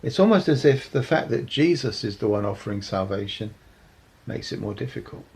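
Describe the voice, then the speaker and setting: A man giving a reflective sermon talk, measured and earnest, often pausing with ums. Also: on the low side, animated, gravelly, a little mellow, husky, low-quality recording. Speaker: preacher.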